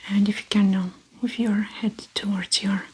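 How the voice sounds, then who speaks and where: A woman whispering softly through an ASMR medical exam roleplay, gentle and clinical as she plays an examining doctor. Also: medium pitch, level tone, moderate pace, husky. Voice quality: soft whisper.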